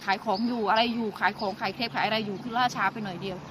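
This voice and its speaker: A middle-aged woman telling her stories in casual chat, animated as she goes. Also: mid-range voice, racing, noisy background. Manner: animated storytelling. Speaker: interviewee.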